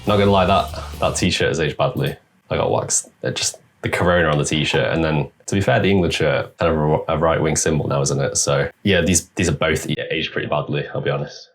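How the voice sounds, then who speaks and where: Speaking in an extremely low, creaky voice, a young male reaction-video host comments casually on clips, firing off sarcastic asides as he talks back at them.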